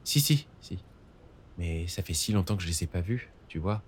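A man voicing a shy, anxious young man who speaks softly and hesitantly in an audiobook story. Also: low-pitched, lively intonation, moderate pace, husky, big-room sound. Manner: hesitant, soft-spoken.

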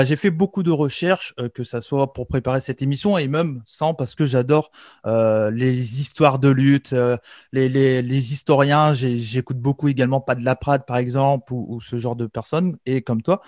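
A man's voice: medium pitch, a little mellow, no echo, clean studio sound. A man in his thirties from France hosting a wrestling interview podcast, talking eagerly with many fillers and restarts. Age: 30s. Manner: hesitant, filler-heavy, eager. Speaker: podcast host, commentator.

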